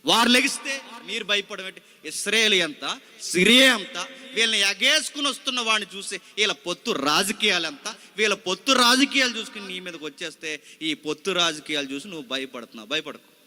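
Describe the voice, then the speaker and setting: Bright, high-voiced preacher man. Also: animated, brisk, in a large hall. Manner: dramatic, rhetorical questions to the congregation; repeats scripture phrase by phrase after a reader. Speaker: pastor. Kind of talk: sermon.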